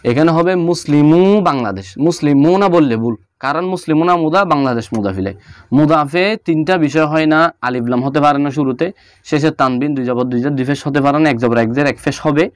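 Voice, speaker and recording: A man teaching Arabic grammar, going over on-screen notes and repeating each example slowly with fillers. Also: a little high, dry recording. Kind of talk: explaining on-screen notes in a lesson.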